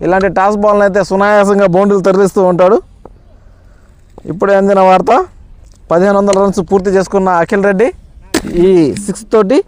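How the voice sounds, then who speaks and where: A man giving live amateur cricket commentary in an excitable manner, repeating stock phrases of praise. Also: high voice, fast talker, pauses often, slight background noise.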